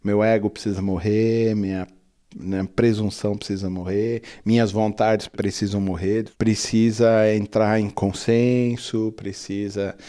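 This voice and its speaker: Man, Brazilian Portuguese accent, pastor, low voice, dark mellow tone, reflective, listing point after point. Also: level tone, measured pace. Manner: reflective, builds points through long lists. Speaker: pastor and guest.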